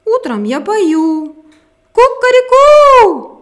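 A woman voicing a cheerful, loud male rooster in a children's fairy tale reading, with a slow sing-song manner. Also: high-pitched, very animated, heavily acted. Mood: scolding.

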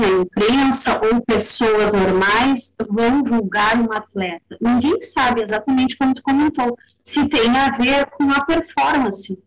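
A woman, speaking as a panelist in a casual discussion, measured and thoughtful with frequent hesitations. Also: a little high, rough recording.

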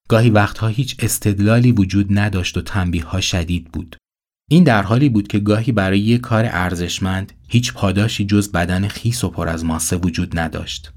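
Deep-voiced male narrator. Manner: calm, earnest storytelling. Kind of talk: motivational voice-over narration.

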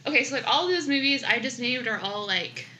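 A woman's voice: a little high, lively intonation, a little fast, sharp tone, slight background noise, low-quality recording. A young woman co-hosting a podcast, chatting casually about a movie with lots of filler words. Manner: chatty, many "like" fillers, laughs often. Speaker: podcast co-host.

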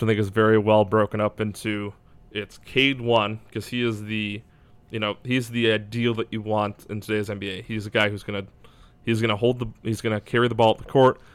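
A man's voice: lowish voice, little pitch movement, moderate pace, fairly bright tone, clean tone, no room sound. A man talking casually as a basketball draft analyst, hedging and thinking aloud as he goes. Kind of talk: casual sports discussion.

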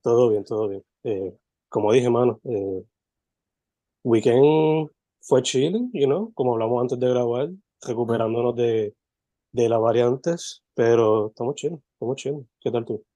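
Guy hosting a podcast, mellow dark voice, super chill, dry close mic. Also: mid-range voice, a little slow, no room sound. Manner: relaxed, loose, code-switching between languages. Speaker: podcast host. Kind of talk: casual interview, mixing Spanish and English.

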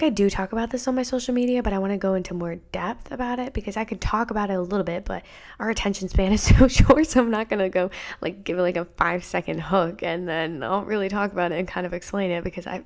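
A woman, hosting a casual solo podcast in a chatty, candid, rambling way, full of "like" fillers. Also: medium pitch. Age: 20s. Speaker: podcast host.

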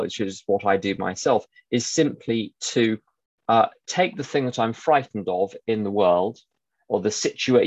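A man's voice: medium pitch, darkish tone, dry recording. A man giving an informal, digressive teaching talk as a recovery sponsor, with wry asides. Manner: chatty, digressive, with wry asides and quoted voices. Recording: dull dry recording.

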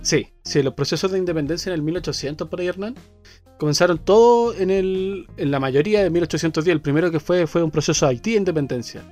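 A man's voice: on the high side, quick pace, a little mellow. Chilean man, co-host, casual chat, fillers and restarts, faint music behind. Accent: Chilean Spanish. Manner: hesitant, many fillers and restarts.

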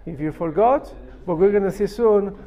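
A man's voice: high voice, normal speed, warm tone, dull audio. A man teaching a religious class as a rabbi, emphatically reading and translating a text phrase by phrase and explaining it step by step.

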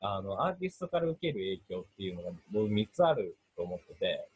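A young man with a Kansai accent, a rock band guitarist chatting on a casual radio show, talking in thoughtful, measured phrases. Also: fairly low pitch, big pitch swings, slightly rough. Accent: Kansai Japanese. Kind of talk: casual chat.

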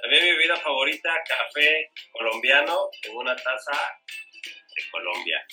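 Mexican guy cohosting, earnest chat, super bright tone, soft music behind. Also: medium pitch, animated, moderate pace, poor audio. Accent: Mexican Spanish. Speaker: co-host. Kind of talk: casual chat over coffee.

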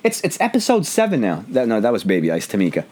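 A man hosting a relaxed home podcast, his voice hoarse and roughened as he jokes about himself. His pitch swings widely and freely as he rambles from one thought to the next. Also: fast talker. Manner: jokey, rambling, self-deprecating. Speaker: podcast host. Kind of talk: casual chat.

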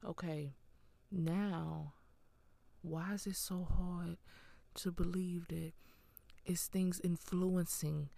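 A woman giving a casual devotional talk, earnest and encouraging, often dropping into a soft whisper. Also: on the low side, fairly even intonation, takes it slowly, vocal fry, long pauses. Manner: earnest, encouraging, with small laughs.

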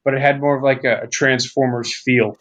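A man speaks in a flat, deadpan monotone. The recording sounds dull and lo-fi. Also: mid-range voice, a little fast.

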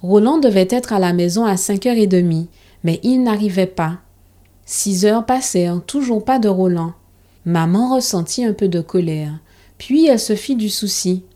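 A woman narrating a children's story in a calm, steady storybook reading. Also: medium pitch, moderate pace.

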